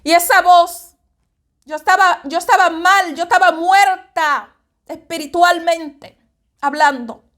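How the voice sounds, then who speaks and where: A woman evangelical preacher with a very high-pitched, fairly bright voice speaks slowly in a fervent religious reflection. She often repeats herself and addresses the listener directly.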